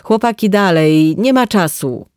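A woman voicing a busy young mother who briskly rushes her boys along, a little higher and louder than her narration. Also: big pitch swings, no echo, clean studio sound. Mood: hurried. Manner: brisk, commanding. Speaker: hairdresser.

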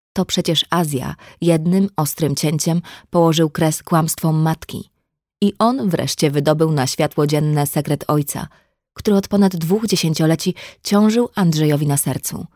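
A woman narrating an audiobook in a measured, even reading. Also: low-pitched, no room sound, studio quality. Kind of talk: scripted narration.

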